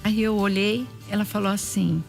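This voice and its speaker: A woman's voice: mid-range voice, steady tone, moderate pace, gravelly, soft background music. A woman with a Brazilian Portuguese accent, giving an emotional faith testimony in an interview, repeating herself and acting out what people said. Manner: heartfelt, repetitive, often reenacts dialogue and prayers.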